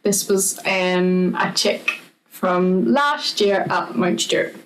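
A woman's voice: on the low side, slow, recorded from a distance, poor audio. A woman, a conservation officer giving an informal online talk, explaining in a chatty way with lots of fillers.

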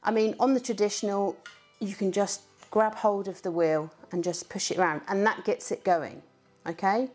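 A woman's voice: medium pitch, normal speed, a little mellow. Woman, friendly craft tutor, chatty and encouraging, counts the rhythm aloud while demonstrating, faint music underneath. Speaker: spinning teacher. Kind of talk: casual how-to demonstration.

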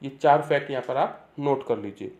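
A man giving an exam-prep literature lecture, reading English lines slowly, explaining them, and asking and answering his own questions. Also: medium pitch, darkish tone, lo-fi sound. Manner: reads English lines slowly, then repeats key terms.

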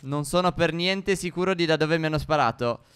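Young guy gaming with a buddy, kinda high smooth voice, bounces all over, goofy and dramatic. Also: brisk. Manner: lively, playful, theatrical outbursts. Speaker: co-op gameplay channel host. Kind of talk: casual gaming chat.

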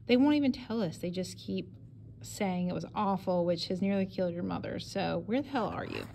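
Woman reading as an angry dad ranting at his son, cursing a lot, low gravelly flat voice. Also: fairly quick, slight background noise. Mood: scolding. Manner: blustering, cursing, scolding. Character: angry middle-aged father scolding his runaway son.

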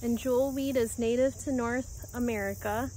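A woman calmly narrating a walk through her woods, pausing often as she points out plants and animals. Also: fairly high pitch, slight background noise, poor audio. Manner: calm, unhurried, pausing often. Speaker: homestead vlogger. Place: outdoors in woods by a creek. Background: faint insects and outdoor ambience.

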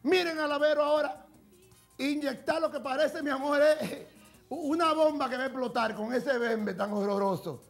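A man's voice: extremely high pitch, moderate pace, creaky. A man playing a flamboyant woman who presents TV gossip. He talks in a camp, theatrical way and calls everyone "my love" in a TV studio with faint music behind. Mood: gossipy. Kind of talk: sketch comedy gossip segment.

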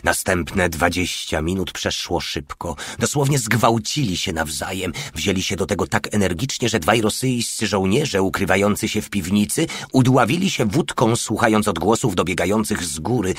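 Husky male audiobook narrator. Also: low voice, normal speed, few pauses, no room sound, clean studio sound. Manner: steady, wry storytelling. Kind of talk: scripted narration.

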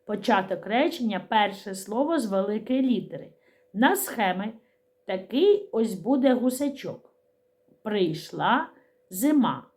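Middle-aged woman teacher, unhurried and carefully articulated, talking to young children. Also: mid-range voice, expressive, a little mellow. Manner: slow, clearly articulated, sing-song speech to small children. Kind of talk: preschool literacy lesson.

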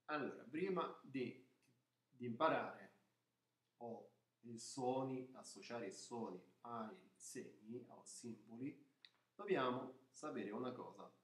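Guy slowly explaining letters, keeps asking ok?, sounds a bit far off in an echoey room. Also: mid-range voice, expressive. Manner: repeats "ok?" to check understanding, some false starts. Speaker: Arabic teacher. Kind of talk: informal lesson explaining the alphabet. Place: room, writing on paper at a table.

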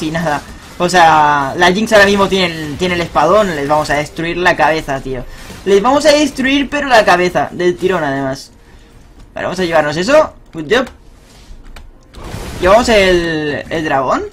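A young man giving live, excitable commentary on his own ranked game, swearing and cheering at big plays. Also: high voice. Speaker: gaming streamer.

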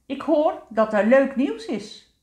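A woman's voice: sits high, sing-song, slow pace, darkish tone, reverberant, voice pushed up, full character voice. A woman voicing a curious female neighbor cat in a storybook reading.

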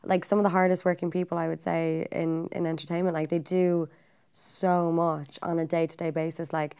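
A young Irish woman hosts an interview, asking long, chatty questions full of fillers. Her voice is smooth and clear and sits a little low. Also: flat delivery, normal speed, dark tone. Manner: friendly, talkative questioning with many fillers. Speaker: podcast host. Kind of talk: casual interview chat.

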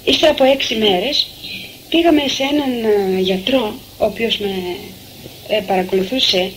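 A woman's voice: a little high, animated, slight background noise, low-quality recording. Young woman recounting her testimony. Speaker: testimony giver. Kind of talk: personal testimony storytelling.

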